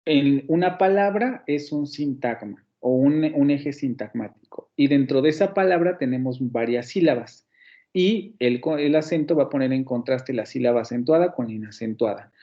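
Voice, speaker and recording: A man's voice: mid-range voice, normal speed, highs cut off. A man with a Mexican Spanish accent teaching a university phonetics class online. He explains patiently, restarts his sentences often and keeps checking in with the students.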